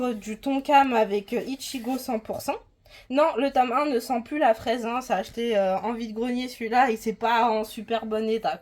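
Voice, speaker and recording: A woman's voice: high voice, darkish tone. A woman from France giving a casual, rambling tour of her manga collection, with frequent hesitations.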